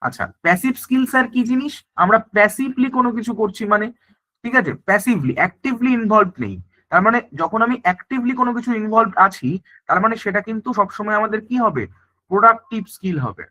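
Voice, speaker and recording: A man teaching an online exam-prep class, explaining in a steady lecture with frequent check-in phrases. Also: sits high, fast talker. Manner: explains in mixed Bengali and English, repeats "thik ache" often.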